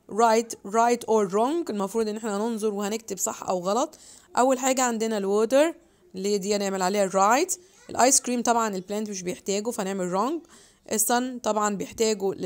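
A young woman with an Egyptian Arabic accent explains an English activity book page by page. She reads the English prompts slowly and carefully and mixes English words into her Arabic explanations. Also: mid-range voice. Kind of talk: homework walkthrough lesson.

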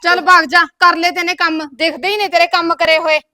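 A woman's voice: very high voice, fast, pushed and bright, dry recording, studio quality. A woman playing a bossy elder sister-in-law who nags and scolds in a comedy skit. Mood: scolding. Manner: scolding, keeps tagging lines with a curt "tell me".

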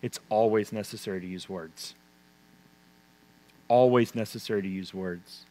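A man preaching a sermon, swinging between loud emphasis and hushed intensity. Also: fairly low pitch, normal speed. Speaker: pastor. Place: church sanctuary. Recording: long church reverb.

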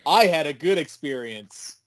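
A man co-hosting a casual chat, talking in an animated way and laughing often. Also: on the high side, unhurried. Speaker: co-host.

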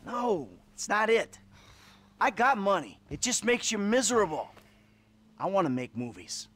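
An actor playing a weary, defensive middle-aged ex-bank robber in a video game cutscene, exasperated and pleading. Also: male voice, high voice, sing-song, measured pace, fairly bright tone, heavily acted.

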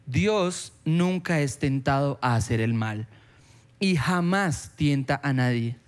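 A man preaching a sermon in a church, lively and animated, slipping into quoted voices and dialogue with sudden jumps in pitch. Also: slow.

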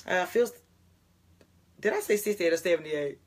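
A young woman pastor from Jackson, Mississippi, chats casually with viewers on a morning livestream from her home closet, praying, laughing often, and calling them y'all. Her voice is fairly low and darkish in tone, animated, at a normal speed.

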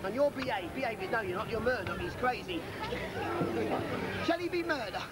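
A man's voice: sits high, very animated, moderate pace. A middle-aged man doing kids party magician patter, theatrical and teasing, repeating commands to the children. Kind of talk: live kids' magic show patter. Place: outdoors on a lawn, garden party. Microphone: camcorder a few metres away. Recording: noisy outdoor camcorder, children's crowd around. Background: children's crowd, outdoor noise.

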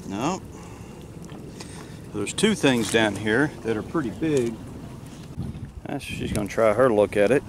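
Magnet fishing from a lake dock, a middle-aged man offers casual, matter-of-fact commentary as he works, his low voice expressive, slow, and full of pauses. He's filmed from a few feet away on a camera mic, with heavy wind and water noise.

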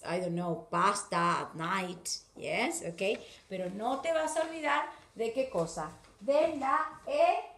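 Woman, Rioplatense Spanish accent, English teacher for kids, very slow careful delivery, echoey room. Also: on the high side. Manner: slow, careful, exaggerated English words for children. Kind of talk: video class for children.

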